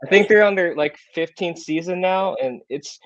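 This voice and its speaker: A man's voice: high-pitched, moderate pace, no room sound, dull audio. Chatty man presenting a webinar. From born in South Korea, raised in Iowa, USA. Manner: chatty, filler-heavy, upbeat. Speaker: guest presenter.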